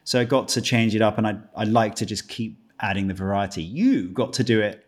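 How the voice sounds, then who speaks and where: Joking British man, low voice. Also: a little fast. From Britain. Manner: joking, self-mocking, many restarts. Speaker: guest actor. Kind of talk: casual podcast chat.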